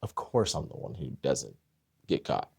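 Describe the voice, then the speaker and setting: A man co-hosting a podcast, telling a story in a rambling, animated way with many restarts and voiced impressions. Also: very deep voice, moderate pace, gravelly, slightly rough, no room sound, clean studio sound. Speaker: podcast co-host. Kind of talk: casual storytelling chat.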